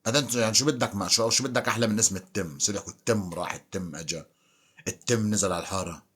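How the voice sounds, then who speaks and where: A man's voice: lowish voice, rapid-fire, a bit bright, breathy edge. A man hosting a casual live stream, bantering with and teasing his viewers. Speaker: livestream host.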